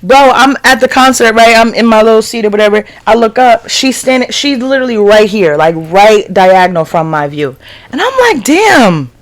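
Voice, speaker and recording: A young podcast host, telling stories in a casual, excitable way, swearing freely and filling with "like". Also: medium pitch, brisk. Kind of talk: casual solo storytelling.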